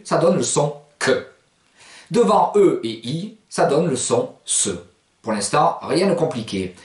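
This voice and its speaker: A man giving a spoken pronunciation lesson, explaining letters and sounds clearly and patiently. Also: a little high. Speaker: language teacher. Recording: echoey room.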